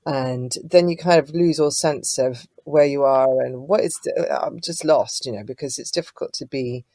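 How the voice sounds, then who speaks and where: A woman's voice: a bass voice, normal speed, no room sound. A woman, a singer-songwriter guest, chatting casually in an interview and telling stories with many fillers. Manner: chatty, warm storytelling with frequent fillers.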